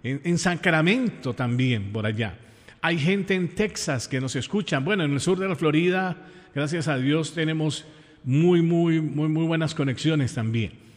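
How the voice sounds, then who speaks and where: An animated, unhurried man with a voice on the high side chats with his radio audience from a large hall. He's from Pereira, Colombia, has a Colombian accent, and speaks informally with affection and effusiveness, using repetition for emphasis.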